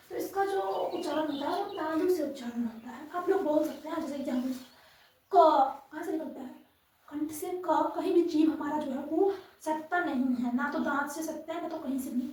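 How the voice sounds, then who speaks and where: Young female teacher, high pitch, patient and repetitive delivery, distant mic in a booming room. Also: mellow. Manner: patient, repeats sounds slowly, frequent "theek hai" checks. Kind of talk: Hindi grammar lesson, explaining at a board. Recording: echoey room, voice from far off.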